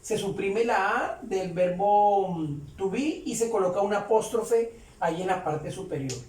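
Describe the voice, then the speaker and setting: A man teaching English grammar step by step, repeating each example sentence slowly and patiently. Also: sits high, a little mellow, a little hiss or hum. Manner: slow, repetitive, explains each example twice. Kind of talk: step-by-step tutorial. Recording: roomy, distant mic with faint ambience.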